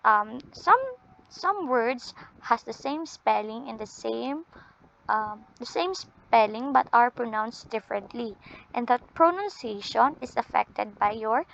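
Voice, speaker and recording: A woman teacher with a Filipino accent giving an English lesson, drawn out and deliberate, often ending points with a questioning "no?". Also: on the high side, animated, creaky, a bit bright. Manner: ends points with tag "no?". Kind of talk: classroom lesson. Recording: dull lo-fi audio.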